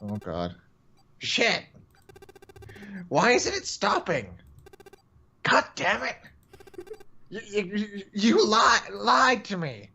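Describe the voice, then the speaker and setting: A man's voice: sits low, sing-song, normal speed, creaky, hardly any pauses, slightly rough, muffled recording, pitched below the performer's own voice, heavily acted. A man playing a stammering, panicked trapped man. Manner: stammering, pleading shouts. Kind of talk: amateur dramatic reading.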